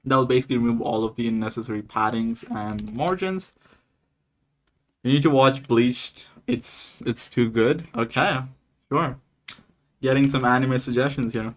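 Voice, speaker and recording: On a live coding stream, a man from Nepal casually dictates each line of code and chats with viewers, talking through every step as he types. He speaks at normal speed in a medium-pitched voice.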